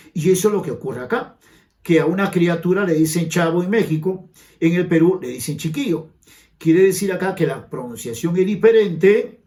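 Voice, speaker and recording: A Peruvian man with a Peruvian Spanish accent walks through exam questions as a grammar teacher. His pitch rides high, and his voice swings up and down with emphatic rhetorical questions to the viewer. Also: dark tone. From Peru. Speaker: language teacher. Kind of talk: exam-prep grammar lesson.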